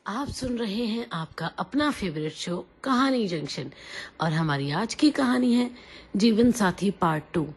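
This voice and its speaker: A woman hosting a radio story show, telling a story in the first person in a calm, intimate way. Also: mid-range voice, unhurried.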